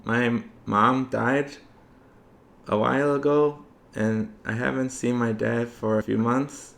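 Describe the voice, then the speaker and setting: A man voicing a timid, poor little girl in a small, soft, hesitant voice, in a tabletop game. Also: mid-range voice, steady tone, takes it slowly, vocal fry. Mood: timid, sad. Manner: hushed, hesitant. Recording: roomy, echoing room.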